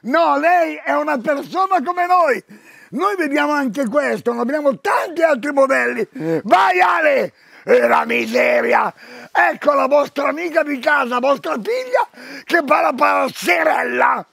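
Loud older salesman with a gravelly high voice. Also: expressive, a little slow, no echo. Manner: loud, exclamatory, keeps calling out to viewers. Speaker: TV shopping presenter. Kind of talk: live store sales pitch. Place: shop floor.

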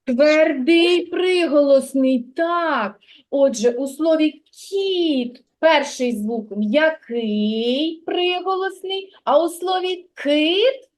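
A woman teacher leads preschoolers through a literacy lesson in a kindergarten classroom. Her voice sits high, and she talks at an unhurried pace. She sounds out letters and words slowly and clearly so the children can follow. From Ukraine.

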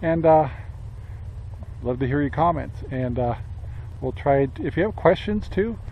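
Speaking a little slowly in a warm, fairly high voice with lively intonation, an older Central Oregon homesteader vlogs casually to a camera at arm's length outdoors and in a garage. He rambles with lots of fillers and little chuckles, over poor audio with slight background noise.

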